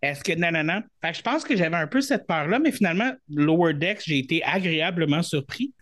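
Québécois man, podcast host, casual and rambling, slightly high-pitched. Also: animated, brisk, fairly bright tone. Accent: Québécois French. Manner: chatty and hesitant, with many fillers. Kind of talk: casual chat.

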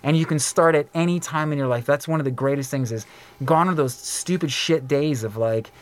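A middle-aged man hosting a podcast in casual chat, an animated storyteller who fills his talk with "like" and "um" and acts out quoted voices. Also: on the high side, fairly quick. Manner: frequent fillers like "like" and "um". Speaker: podcast host.

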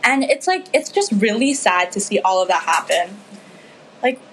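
Over poor audio with slight background noise, a Filipino teenage girl talks at a moderate pace with lively intonation in a mid-range voice. She's impassioned and sincere in this casual conversation, leaning heavily on fillers.

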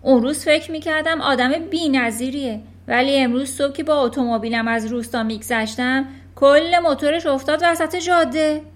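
A woman voicing a bullying, furious headmistress who shouts and hurls insults at a child in a storybook reading. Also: high-pitched, pitched above the performer's own voice.

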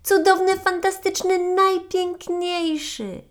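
An excitable little marmot girl from a storybook, as a woman reads her, her voice jumping up high with wonder. She speaks slowly and gushes with eagerness, loud and bright. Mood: excited, eager. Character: young female marmot, eager and dreamy.

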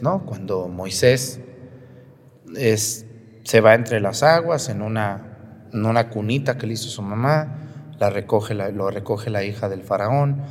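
A priest giving a homily at Mass. He tells the story and asks the congregation questions, with playful jokes. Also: lowish voice. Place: church. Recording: long church reverb.

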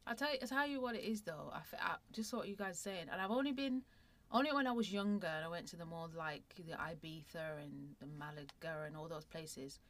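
A woman with a Manchester accent chatting casually as a podcast co-host, relaxed and rambling with restarts. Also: fairly low pitch, brisk. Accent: Northern English, Manchester. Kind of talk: casual chat.

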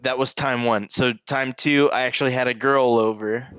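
A young man telling a story in casual chat, animated and profane, laughing often. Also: medium pitch, moderate pace, highs cut off, slight background noise.

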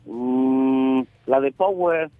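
A man with a Mexican accent calling in to a radio show over a landline phone, talking in a relaxed, hesitant way and searching for his words. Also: medium pitch, very slow, no room sound. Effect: heard over a landline phone. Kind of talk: casual chat. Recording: tinny dry phone line.

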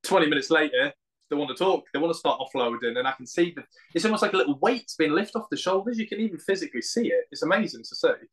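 A man's voice: fairly high pitch, lively intonation, fast, fairly bright tone, low-quality recording. A British man speaking as an interview guest in a casual, colloquial and earnest way. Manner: earnest, plain-spoken, colloquial. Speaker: podcast guest, founder of a men's mental health group.

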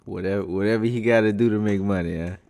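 A man's voice: lowish voice, steady tone, fast, darkish tone. A man with a Louisiana Creole accent chatting casually as a co-host, slangy and profane, with laid-back phrasing. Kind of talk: casual chat.

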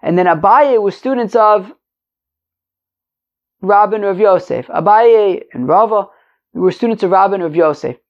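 A man's voice: sits high, moderate pace, long pauses. A man teaching an informal Talmud lesson, reading and translating conversationally, rephrasing and asking rhetorical questions. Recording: dull lo-fi recording.

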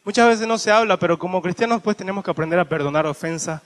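High-voiced man preaching with animated swings. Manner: animated, acts out the thieves in slangy voices; reads scripture slowly and dropping low. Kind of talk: sermon.

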